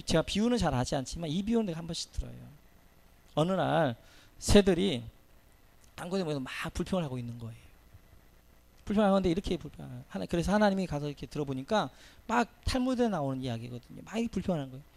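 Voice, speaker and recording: A middle-aged male pastor preaching a sermon in a church, swinging from soft explanation to loud, impassioned exhortation. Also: fairly high pitch, animated, fast talker, gravelly. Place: church sanctuary.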